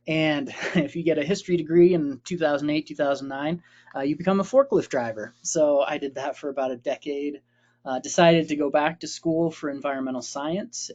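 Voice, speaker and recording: A man in his late thirties, an expedition leader giving an informal webinar presentation, relaxed and friendly, with many fillers. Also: a little high, muffled recording. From Vermont.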